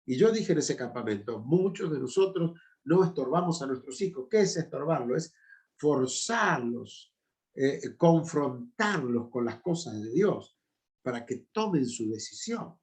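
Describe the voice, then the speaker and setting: A man's voice: mid-range voice, lively intonation, a little slow, darkish tone. A man in his fifties with an Argentine Spanish accent, a pastor teaching a Bible class in an informal sermon style, with emphatic, chatty asides. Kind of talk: informal sermon-style lecture with personal stories.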